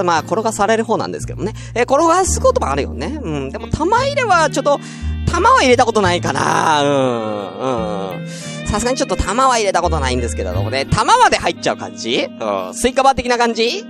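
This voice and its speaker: A man hosting a solo morning radio chat, playfully bantering with listeners and bursting into mock-outraged shouts. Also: high-pitched, wildly swooping pitch, fast talker, music in the background. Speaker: net radio host.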